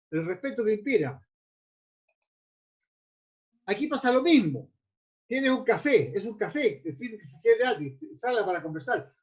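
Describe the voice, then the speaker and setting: In a muffled, lo-fi recording, a male mindfulness teacher with a rather high-pitched voice gives a class. His lecture wanders loosely, and he stumbles on repeated words while reaching for the next phrase.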